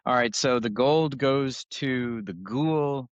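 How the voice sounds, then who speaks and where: A man's voice: mid-range voice, slow pace, no echo, muffled recording. A man co-hosting a podcast, chatting casually and jokingly, at times reading notes aloud. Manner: laid-back, jokey, reads notes aloud. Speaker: podcast co-host. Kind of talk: casual chat.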